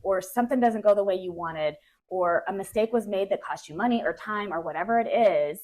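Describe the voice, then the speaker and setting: A woman's voice: medium pitch, a little fast, a little mellow, poor audio. Chatty woman podcast co-host. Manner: chatty, addresses listeners as y'all. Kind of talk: casual podcast chat.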